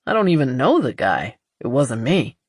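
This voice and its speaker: A woman voicing a calm, low-toned man. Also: moderate pace, breathy edge, dry recording, clean studio sound, exaggerated voice. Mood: easygoing. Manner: low, controlled speech. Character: easygoing adult man, calm and teasing. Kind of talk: audiobook character voice.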